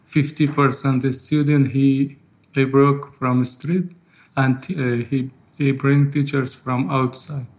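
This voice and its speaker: A man in his thirties from Afghanistan, whose first language is Farsi, gives personal spoken testimony in halting, non-fluent English with an Afghan accent. His voice is mid-range and steady in tone, and the audio quality is poor.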